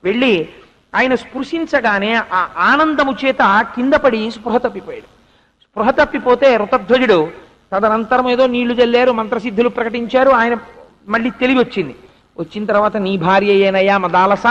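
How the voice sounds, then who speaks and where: A man's voice: extremely high pitch, fairly bright tone, long reverb tail, lo-fi sound. A man giving a spiritual discourse, telling a story animatedly and acting out its dialogue with explanatory asides. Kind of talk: Telugu religious discourse, storytelling.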